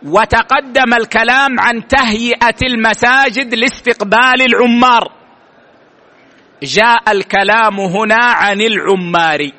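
Male religious teacher: high, bright voice, deliberate explaining. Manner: slow and deliberate, repeats key words. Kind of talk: religious lesson commentary.

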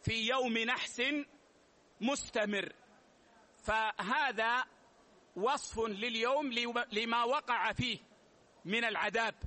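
Man, religious lesson, very high voice, bright tone, repeats key phrases, measured teaching. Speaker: Islamic scholar teaching. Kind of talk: religious lesson explaining rulings.

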